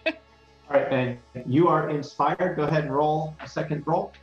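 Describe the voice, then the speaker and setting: A man narrating and running a tabletop game as game master, with a halting, deliberate delivery. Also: on the high side. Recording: muffled, echoey room, faint music.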